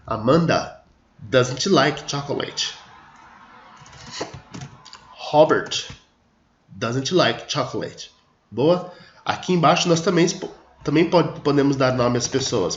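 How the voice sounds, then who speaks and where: A man teaching an English grammar lesson, explaining patiently, stretching his example sentences and checking in with his students. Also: fairly high pitch. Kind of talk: screen-recorded grammar lesson. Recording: echoey room, dull lo-fi audio.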